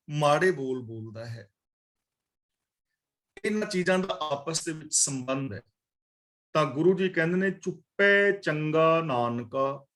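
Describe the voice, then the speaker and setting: Man, scripture teacher, fairly high voice, slow verse recitation, word-by-word explanations. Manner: glosses verse words one by one, slow recitation of lines. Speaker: katha teacher.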